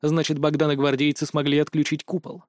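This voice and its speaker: A male audiobook narrator telling a first-person fantasy tale with steady, dramatic delivery. His voice sits a little high for a man and is recorded dry and close. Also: a little fast, no echo.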